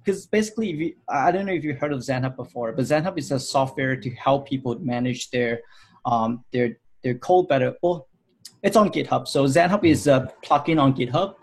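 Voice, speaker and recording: Speaking at a normal speed in a medium-pitched, slightly rough voice, a Hong Kong man in his thirties talks about his design career in an interview. His answers are loose and rambling, with many fillers and restarts.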